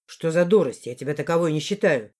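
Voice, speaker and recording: A gruff, curt male police chief with a growling edge and a voice pushed well down, mellow in tone, as a woman reading a romance audiobook plays him. He speaks in clipped, irritated bursts. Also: low voice, animated, brisk, voice pushed down. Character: gruff blond male boss, head of secret police.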